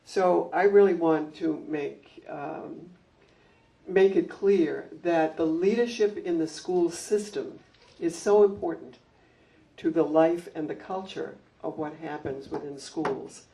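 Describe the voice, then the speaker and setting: An older woman with a gravelly, mellow voice recalls her years as a principal for a library gathering. She tells her anecdotes in a measured way, pausing on ums. The mic picks her up from across the room. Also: low voice. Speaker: former school principal. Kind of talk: reminiscing talk at a community gathering. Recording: distant mic.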